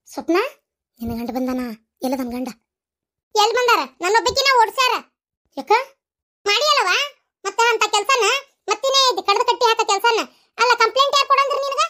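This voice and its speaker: A woman's voice: extremely high pitch, fairly bright tone. A woman voicing a nagging middle-aged village wife in a cartoon, with a North Karnataka Kannada accent. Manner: nagging, scolding rapid-fire. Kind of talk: cartoon comedy voice acting.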